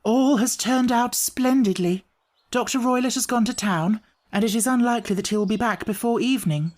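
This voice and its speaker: A man voicing an anxious, polite young gentlewoman, speaking earnestly in an audiobook story. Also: very high voice, moderate pace, pitched above the performer's own voice. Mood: eager, relieved.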